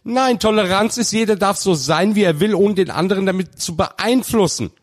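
A man's voice: sits high, normal speed. A man speaking as a guest in a casual podcast debate, blunt and coarse, with strong emphasis.

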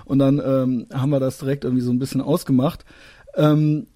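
A podcast host in his thirties from Koblenz, in western Germany, leads a casual chat, speaking hesitantly with lots of filler sounds. His mid-range voice is warm, brisk and level, captured in studio quality with no room sound.

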